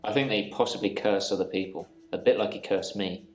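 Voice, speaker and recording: An actor in a live-action mystery game playing a troubled male patient who calmly recounts reliving the same day. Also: low voice, fast talker, natural voice. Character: troubled male patient haunted by repeating days. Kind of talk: scripted game dialogue. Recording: roomy with game music.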